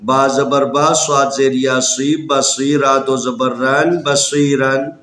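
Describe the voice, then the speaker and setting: A man with a Pakistani Urdu accent, teaching Quran reading in a slow lesson where he spells out letters and vowel marks one by one. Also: medium pitch, little pitch movement, a bit bright, roomy sound.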